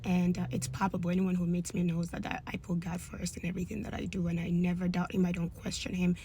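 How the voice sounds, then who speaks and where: Animated woman telling a testimony. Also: lowish voice, fast talker, a little hiss or hum. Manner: animated, emphatic, acts out dialogue. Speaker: influencer sharing a faith testimony. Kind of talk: casual storytelling testimony.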